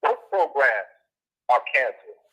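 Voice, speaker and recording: A man calling in on a prison phone line as a guest, speaking earnestly and in a measured way. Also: mid-range voice, wildly swooping pitch, gravelly, bright, forceful tone, breathy edge. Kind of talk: earnest explanatory talk. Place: prison telephone call. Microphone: phone handset.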